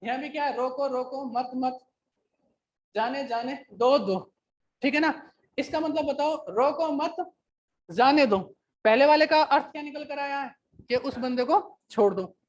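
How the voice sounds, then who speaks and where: A male teacher gives a classroom grammar lecture in a high voice. He dictates slowly and repeats phrases. He keeps pausing to check that his students are following. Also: a little hiss or hum. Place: coaching classroom.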